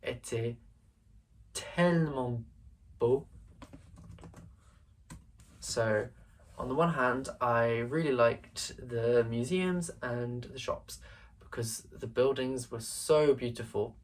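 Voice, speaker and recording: A man's voice: mid-range voice, slow, pauses often. A young man tutoring through an exam paper, thinking aloud with frequent hesitations and fillers. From England. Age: late teens. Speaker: language tutor. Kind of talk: screen-recorded exam walkthrough.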